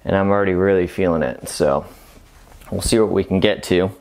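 A man in his thirties talking casually to camera as a fitness vlogger during a workout, informal and halting between efforts. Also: low voice, a little mellow. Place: home gym room, indoors.

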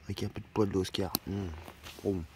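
A man's voice: sits low, flat delivery, fairly quick, dark tone, a little hiss or hum. A man vlogging casually outdoors by a campfire, talking in slang and swearing freely as he rambles. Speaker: van-life vlogger. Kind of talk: casual vlog chat.

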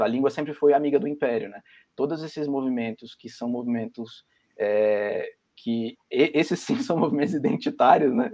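A man's voice: medium pitch, dark tone. A Brazilian man with a Brazilian Portuguese accent, talking on a video-call panel and thinking aloud with many fillers and restarts. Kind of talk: academic panel discussion.

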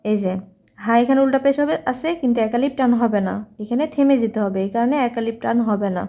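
A woman with a Bangladeshi accent teaching recitation, explaining quickly and then reciting slowly with long drawn-out vowels. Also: on the high side, warm tone. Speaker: religious teacher. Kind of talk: recitation lesson.

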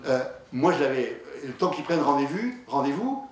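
A man's voice: fairly high pitch, big pitch swings, moderate pace. Man lecturing in an echoey hall. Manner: conversational, hesitant, many fillers and restarts. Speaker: diabetologist giving a conference talk. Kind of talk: lecture with patient anecdotes. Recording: echoey hall, distant mic, faint noise.

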